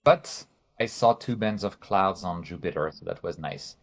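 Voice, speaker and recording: A man's voice: sits low, moderate pace. A man from France with a French accent, a guest in a casual interview, often repeating words as he thinks.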